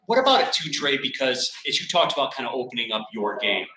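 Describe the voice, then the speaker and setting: A young man hosting a sports radio interview live from a bar, upbeat and energetic. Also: medium pitch. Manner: energetic, upbeat, fast bursts. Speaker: radio play-by-play announcer hosting. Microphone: table mic. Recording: roomy bar sound.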